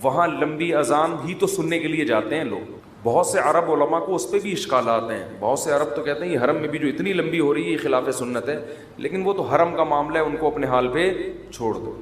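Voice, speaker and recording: A man giving a conversational religious talk as an Islamic scholar, mixing humor with teaching and mimicking drawn-out calls to prayer. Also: fairly high pitch, a little hiss or hum. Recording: echoey hall, faint ambience.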